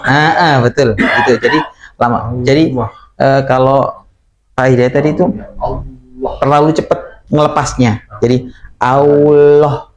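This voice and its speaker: A man's voice: mid-range voice, steady tone, normal speed, long pauses, poor audio. A man from Indonesia teaches a Quran recitation lesson, explaining patiently and repeating sounds to demonstrate them. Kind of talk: slow explanatory tajwid lesson.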